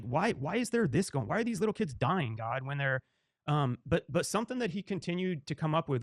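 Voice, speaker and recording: A man hosting a podcast debate rambles through a long question. He restarts often and searches for words as he goes. His voice sits at a middle pitch and sounds dry and close. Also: no room sound.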